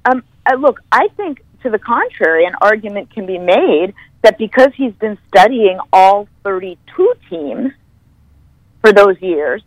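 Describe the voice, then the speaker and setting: A woman football analyst telling stories as a podcast guest, animated and stopping to correct herself. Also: mid-range voice, a little slow, no room sound, rough recording. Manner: animated storyteller, corrects herself mid-sentence. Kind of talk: podcast interview.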